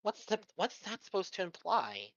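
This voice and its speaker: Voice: mid-range voice, very animated, normal speed, dry recording, lo-fi sound. A player narrating and speaking in character in a tabletop game, formal and cheeky. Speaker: tabletop role-play player. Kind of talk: in-character role-play with narration.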